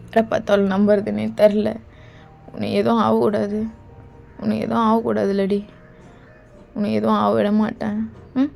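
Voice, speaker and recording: A woman voicing a ruthless young male king who talks in a low, slow, possessive murmur in a fan audio drama, over faint music. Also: creaky, a little mellow. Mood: protective.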